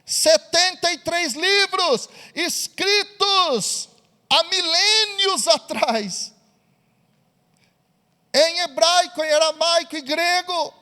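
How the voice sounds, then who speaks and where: High-voiced preacher in a hall. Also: male voice, slow pace, sharp tone. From Brazil. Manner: storytelling, asks the audience questions. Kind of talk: sermon.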